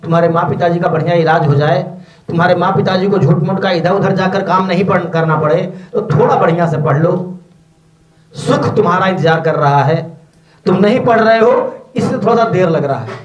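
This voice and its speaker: A man's voice: high voice, brisk, dull audio. A man teaching at a coaching institute, urging his students on in a motivational talk and repeating phrases for emphasis. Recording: echoey classroom.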